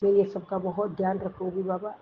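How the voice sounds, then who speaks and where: Woman, devotional prayer, soft and reverent, even pitch, dull lo-fi recording. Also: fairly quick. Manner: soft, reverent, repeats thanks. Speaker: devotee reading and answering messages. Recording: dull lo-fi with faint noise.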